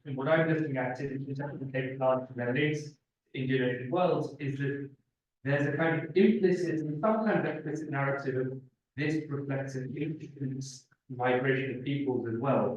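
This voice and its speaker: A man chairing an academic panel asks a question slowly, in hesitant and searching phrases. His voice comes from a distance in a very echoey hall. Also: mid-range voice, a little mellow, highs cut off. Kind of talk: asking a question and moderating. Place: conference room. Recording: echoey room, far from the mic.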